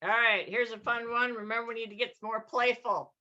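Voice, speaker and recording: A woman's voice: on the high side, fairly even intonation, fairly quick, sharp tone, highs cut off. A woman in her sixties leading an online laughter yoga class. She is playful and cheery, and she laughs and cheers often.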